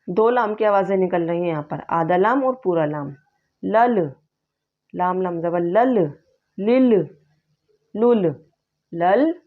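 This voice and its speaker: A woman teaching Urdu reading, slowly sounding out and patiently repeating each syllable. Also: on the low side. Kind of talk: slow spelled-out reading lesson. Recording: slightly dull lo-fi sound.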